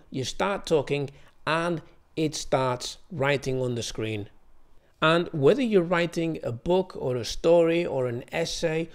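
A man from the United Kingdom explaining software casually as a tutorial presenter. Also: on the high side.

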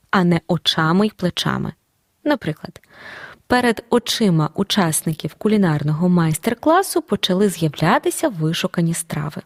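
A woman teacher giving a scripted audio grammar lesson, explaining rules clearly and deliberately. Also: mid-range voice, darkish tone, no room sound, clean studio sound. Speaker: Ukrainian language teacher.

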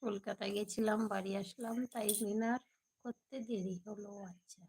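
A woman hosting a casual live stream at home at night, hoarse from a cold, chatting with viewers and answering their comments. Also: medium pitch, fairly even intonation, normal speed, a little mellow, poor audio.

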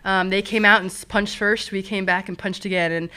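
Bright, earnest young woman athlete. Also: mid-range voice, steady tone, a little fast. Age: young adult. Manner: earnest, emphatic. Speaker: college softball player. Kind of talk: press conference answers. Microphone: table mic.

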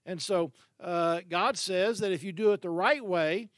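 Holding a handheld microphone in a big, unfinished hall, an older man preaches as pastor with earnest conviction, repeating words and using fillers. He speaks unhurriedly in a high-sitting voice.

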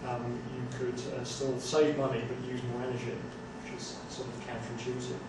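A man's voice: medium pitch, little pitch movement, a little fast. A man giving a seminar, answering a question in a conversational way and restarting phrases as he thinks, in a small seminar room. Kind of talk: academic Q&A answer. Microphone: far room camera mic. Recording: echoey room from far off, background hiss.

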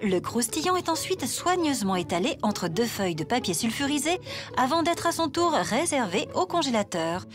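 A woman reads polished voice-over narration for a cooking show. Her voice sits fairly high and moves a lot in pitch. Music plays clearly beneath her. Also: big pitch swings, moderate pace.

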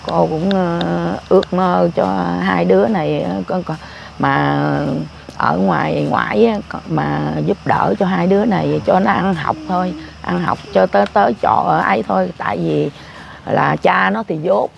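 A woman's voice: lowish voice, normal speed, gravelly, dull audio, a little hiss or hum. An older grandmother, talking in a rambling, repetitive way about her family. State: often ill. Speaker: grandmother interviewed. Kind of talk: casual storytelling.

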